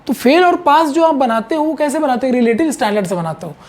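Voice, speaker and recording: A man's voice: extremely high pitch, expressive, fast talker. A man teaching a chemistry lesson in a conversational, repetitive way, often checking in with his students. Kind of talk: explanatory online chemistry lesson.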